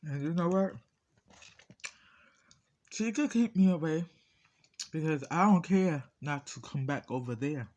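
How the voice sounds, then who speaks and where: Man, higher-pitched, eating as he talks with a full mouth; slow, aggrieved, casual storytime delivery. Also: a little mellow, muffled recording. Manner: talking with mouth full while eating, in short halting phrases; aggrieved, insistent, repeating phrases. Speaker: vlogger.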